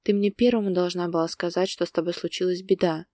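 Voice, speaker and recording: A woman's voice: on the low side, fairly even intonation, fast talker, mellow, no echo, clean studio sound, close to an everyday voice. Woman voicing Valera, a tense anguished man. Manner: tense, urgent, speaking through gritted teeth. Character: distraught adult man, restrained but emotional lover.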